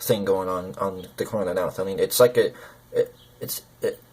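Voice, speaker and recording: Man, low-pitched, numb-from-the-dentist articulation, blurred lip consonants, hesitant, halting, personal vlog talk. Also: steady tone, a little mellow, breathy edge. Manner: hesitant, halting, searching for words. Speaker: gaming video creator.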